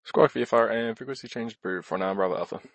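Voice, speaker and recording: Brisk low-voiced pilot on headset radio. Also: male voice, vocal fry, no room sound. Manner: brisk procedural phraseology. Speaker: pilot calling air traffic control. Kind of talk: clipped aviation radio calls over a pilot headset.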